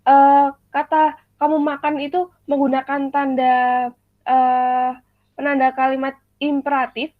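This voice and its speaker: A young woman with a high voice teaches a class over a video call, laying out each point step by step and putting questions to her students. Her voice comes through tinny and dry, like a phone line. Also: level tone, measured pace, dry recording. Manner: explains step by step, quizzes the class. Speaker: teacher in a practice lesson.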